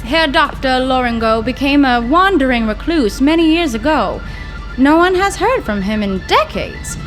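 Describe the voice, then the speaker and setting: In the style of an old-time radio drama, an actress plays the scientist's daughter, a blunt and sarcastic young woman investigating her father's lab. Her voice is high and expressive at a normal speed, with music in the background.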